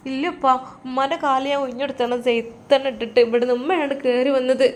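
Anxious young daughter, soft pleading voice, slightly high, Malappuram Malayalam accent, woman doing her. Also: steady tone, fast talker, a little hiss or hum, lightly acted.

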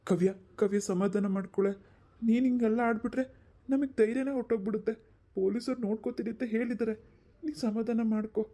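Cartoon role: earnest young son-in-law, mellow and reassuring, voiced by a woman. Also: on the high side, steady tone, fast talker, close to an everyday voice.

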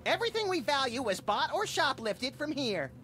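An actor voicing a small, manic, mischievous cartoon rabbit in a comedy video game. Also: male voice, very high voice, sing-song, normal speed, pushed and bright, a little hiss or hum, heavily acted. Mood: sardonic. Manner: mischievous, gleefully morbid. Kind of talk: animated comedy adventure game dialogue. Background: music.

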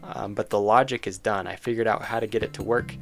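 This man, a developer demoing his own game, offers casual commentary full of enthusiasm and spoken-aloud thoughts. His voice is fairly low and fairly bright, with mostly even intonation and a fairly quick pace, and music sits underneath.

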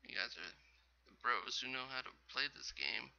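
A man's voice: mid-range voice, moderate pace, gravelly, bright, forceful tone, lo-fi sound. A man giving casual, rambling commentary over his own gameplay as host of a gaming channel, often correcting himself. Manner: rambling, chatty, self-correcting.

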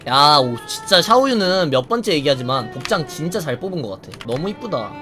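A man streaming a fighting game, bantering crudely with lots of swearing, teasing and mock outrage, and answering viewer comments out loud. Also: a little high, big pitch swings, brisk, faint music behind. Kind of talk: casual gaming stream commentary.

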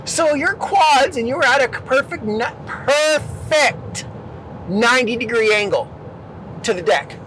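High voiced guy, ex navy, telling a story casually, very animated, quiet hiss behind. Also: normal speed. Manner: animated, acts out quotes with big swings in voice. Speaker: former Navy boat crewman.

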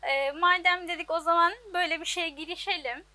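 A woman's voice: very high voice, fairly even intonation, brisk, pushed and bright, no echo. A woman in her twenties who owns a laundry, answering interview questions plainly and hesitantly, with many fillers, in an outdoor workshop. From Turkey. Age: 20s. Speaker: business owner.

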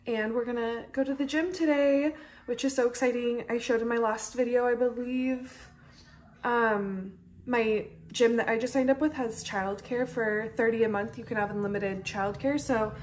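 A woman's voice: fairly high pitch, steady tone, moderate pace, a little hiss or hum. A young pregnant woman chatting casually to her phone camera at home, tired, with lots of fillers. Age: young adult. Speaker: vlogger, stay-at-home mom. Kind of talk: casual vlog chat. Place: large bright home kitchen and living room, indoors. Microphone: phone held at arm's length.

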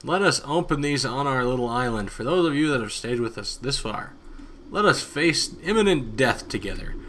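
A man giving casual, excitable commentary over his own gameplay, yawning and talking to himself. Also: mid-range voice, moderate pace, a little hiss or hum. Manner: chatty and excitable, talks to himself, hums along. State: sleepy, yawning. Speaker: gaming YouTuber.

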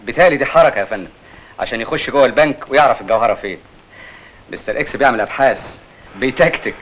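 A man playing a brisk, businesslike young surveillance aide with an Egyptian accent in an old film. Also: medium pitch, fairly bright tone, lightly acted. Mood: dutiful. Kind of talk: 1970s Egyptian film comedy acting. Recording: dull, noisy old film soundtrack.

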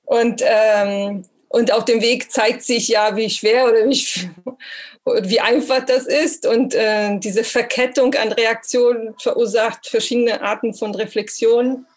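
A woman's voice: fairly high pitch, fairly even intonation, a little slow. A woman from Italy, a cultural mediator speaking hesitantly, with many fillers, in a casual dinner-table discussion. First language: Italian. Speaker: panel participant, cultural mediator.

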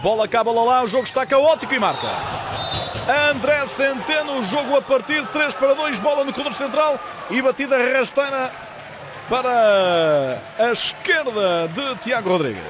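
Male play-by-play commentator, European Portuguese accent, very high excited voice, fast dramatic delivery, loud arena crowd behind. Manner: dramatic, bursts into drawn-out excited goal calls. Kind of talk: fast dramatic live roller hockey commentary. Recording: loud crowd noise in sports hall. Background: crowd and arena noise.

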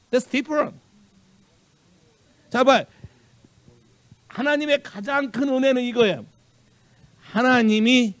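A man's voice: very high voice, fairly bright tone, no room sound. A male Korean pastor preaching a sermon with animation, mixing in English phrases and quizzing the congregation. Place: church sanctuary.

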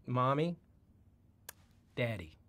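A wry, needling mentalist. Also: male voice, mid-range voice, very animated, very slow, a bit bright, heavily acted. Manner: wry, teasing, mock-polite. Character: wry, needling male mentalist, a faded stage performer. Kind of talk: film drama dialogue.

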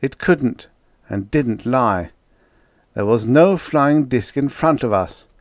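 A man voicing a calm but insistent male fighter pilot. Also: mid-range voice, takes it slowly, no echo, studio quality, pitched above the performer's own voice. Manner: earnest, insistent.

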